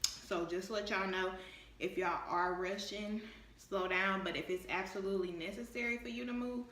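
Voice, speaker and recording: A woman's voice: mid-range voice, fairly even intonation, moderate pace, a bit bright, echoey room. A young woman of about nineteen giving candid, chatty advice in a casual vlog, talking straight to her viewers. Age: young adult, about 19. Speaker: vlogger.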